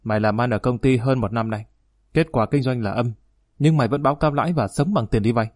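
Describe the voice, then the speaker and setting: A man's voice: medium pitch, quick pace, dry recording, clean studio sound, natural voice. A man reading as an angry aging father. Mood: scolding. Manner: harsh, scolding, loud. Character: stern aging father scolding his grown son. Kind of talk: audiobook narration.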